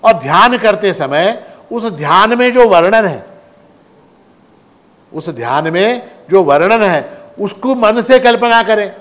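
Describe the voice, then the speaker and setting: A man's voice: sits high, slow. A man preaching a sermon, asking his listeners questions and answering them himself. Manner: animated, asks the audience questions and answers them. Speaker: spiritual teacher. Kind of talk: Hindi sermon with storytelling and Sanskrit chant. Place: large hall at a religious festival. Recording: echoing hall, faint background noise.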